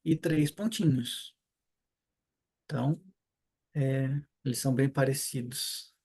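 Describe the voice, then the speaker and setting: A man's voice: medium pitch, takes it slowly, a little mellow, breathy edge. A man with a southern Brazilian accent teaching a casual online Hebrew class, chatty and informal, often checking in with "né?" and "ok?". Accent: Brazilian Portuguese, southern (Paraná). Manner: chatty, informal, rhetorical questions and frequent "né?".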